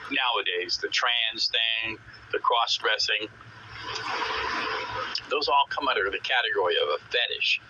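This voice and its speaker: A man chatting casually over CB radio, opinionated and emphatic, rambling along with coarse swearing. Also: fairly low pitch. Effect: CB radio transmission. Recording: muffled noisy CB radio transmission.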